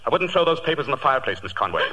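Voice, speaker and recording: Sherlock Holmes, commanding and animated. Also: male voice, mid-range voice, very fast, lo-fi sound. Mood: calm, probing. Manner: clipped, authoritative, deductive. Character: shrewd, commanding gentleman detective. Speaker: radio actor. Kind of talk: 1940s radio acting. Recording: noisy 1940s radio recording.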